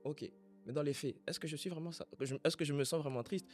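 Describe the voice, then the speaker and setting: A man from Congo in a casual faith conversation, speaking in a reflective, halting way as he searches for his words. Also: a little high, fairly even intonation, a little mellow, faint music behind.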